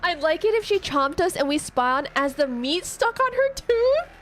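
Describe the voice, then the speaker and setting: A woman's voice: extremely high pitch, big pitch swings, moderate pace, noisy background. A woman giving casual commentary on a video game and reading its text aloud as a streamer. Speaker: gaming streamer.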